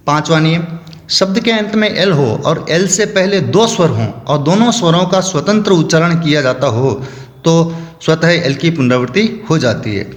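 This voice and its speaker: A male teacher walks through rules step by step, spelling out words letter by letter. His voice sits a little high. The recording has a roomy, echoing sound with a long tail of reverb. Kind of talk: spoken lesson explaining rules. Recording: echoey room with long reverb.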